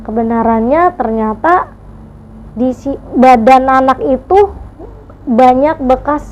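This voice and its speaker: A woman's voice: sits high, takes it slowly, a little mellow, highs cut off, slight background noise. A woman guest telling a neighbour's ghost story in casual talk, hesitant and full of fillers, acting out shocked gasps.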